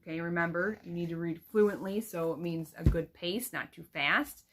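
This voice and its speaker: A woman's voice: lowish voice, moderate pace, background noise. A young woman teacher explaining how to read picture books to children, then reading one aloud with expression.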